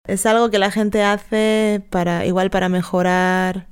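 Clear-voiced woman switching between Spanish and English. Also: medium pitch, monotone, moderate pace. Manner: mixes Spanish and English, Spanglish. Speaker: language podcast co-host. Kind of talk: educational podcast chat.

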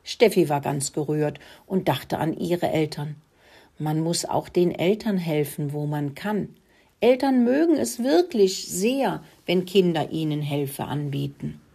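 Breathy lady reading a kids' story, gentle, talks right to the kids. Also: sits low, expressive, measured pace. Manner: gentle, addresses children directly. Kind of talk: children's story narration.

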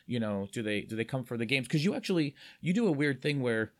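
Halting, stammering male podcast host. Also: mid-range voice, big pitch swings. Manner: halting, many restarts and fillers. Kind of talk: casual chat.

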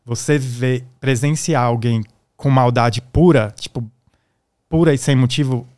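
A man's voice: mid-range voice, a little slow, a little mellow. A man, a guest musician, telling a personal story in a casual way and acting out the voices of the people in it. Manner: acts out the voices in his stories.

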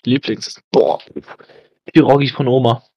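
A teenage boy from Poland joining a casual chat with friends as a guest, loud and playfully defensive. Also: medium pitch, fairly even intonation, moderate pace, breathy edge, lo-fi sound.

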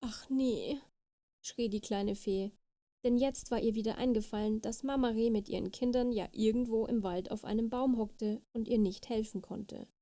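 A woman reading a children's fairy tale aloud with lively, expressive narration. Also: a little high, moderate pace, no room sound. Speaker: storyteller.

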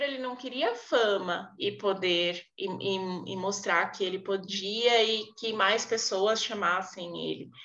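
A woman walks through a Bible story from her home in a relaxed, thoughtful way, often pausing and restarting her sentences. She talks at a slow, deliberate pace. The recording is muffled and lo-fi. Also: medium pitch. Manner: unhurried, thoughtful, with many fillers and restarts. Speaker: Bible study presenter. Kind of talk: casual Bible teaching.

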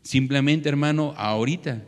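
A man in his thirties preaching a sermon with a fairly high voice. He keeps turning to his listeners as brothers. His words ring out with a long reverb in a church hall. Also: moderate pace. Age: 30s. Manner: preaching to the congregation, calling them "hermano" again and again. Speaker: pastor.

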